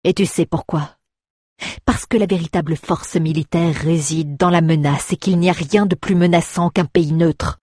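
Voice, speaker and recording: A woman's voice: fairly low pitch, slow, darkish tone, breathy edge, no echo, clean studio sound. A woman voicing a scheming middle-aged baron, lazy, mocking and drawling, in a storybook reading. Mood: menacing. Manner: drawling, sarcastic, turning menacing.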